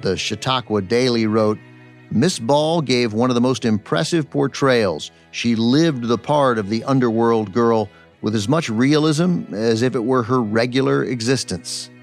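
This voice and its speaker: A man narrates a scripted documentary as its host. His mid-pitched voice tells the story in polished, written sentences, with soft music underneath. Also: measured pace. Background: faint music.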